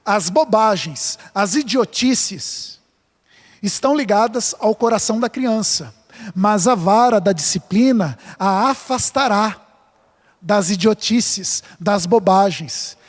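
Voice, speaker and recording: A pastor from São Paulo state preaches a sermon in a church sanctuary, the large hall giving a long reverb. His high, expressive voice moves slowly as he earnestly and emphatically mixes scripture with a light-hearted personal story.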